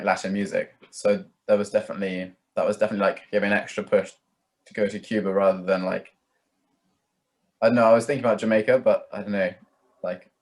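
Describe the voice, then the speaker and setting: A young man, a musician appearing as an interview guest, chats casually in a fairly low, slightly mellow voice. His talk wanders and hedges, sprinkled with fillers like "like" and "kind of."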